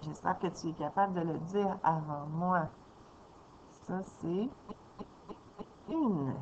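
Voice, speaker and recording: Teacher lady reading with little kids, slow and patient, slightly muffled recording. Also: fairly low pitch, a little hiss or hum. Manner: slow and patient, sounding out syllables. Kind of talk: reading lesson for young children.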